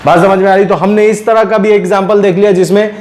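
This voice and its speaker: A man's voice: high-pitched, fairly even intonation, fast talker, darkish tone, roomy sound. A male physics teacher from India working through a problem step by step and often asking if students follow. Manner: explains step by step, often checks understanding. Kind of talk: recorded classroom lecture.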